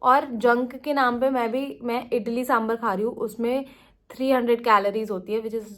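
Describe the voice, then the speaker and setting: A young woman with an Indian accent, chatting quickly and casually as a vlogger. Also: on the high side, steady tone, a bit bright. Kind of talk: casual vlog chat in Hindi-English mix.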